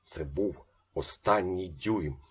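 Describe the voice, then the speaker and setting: A man reading a story aloud as an audiobook narrator, acting out the shouted lines and dropping to a slow hush. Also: sits low, breathy edge.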